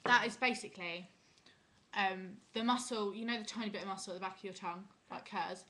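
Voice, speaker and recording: Bright-voiced young British woman, giggly and teasing. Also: medium pitch, fairly even intonation, brisk, slight background noise. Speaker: vlogger, opera singer. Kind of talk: casual chat with a friend.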